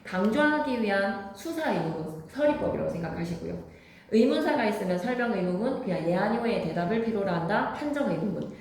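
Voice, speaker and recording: Woman teacher, mid pitch, emphatic lecturing style, quizzes the class, roomy classroom sound. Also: expressive, fairly quick, darkish tone, slight background noise. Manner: emphatic, quizzes students with questions.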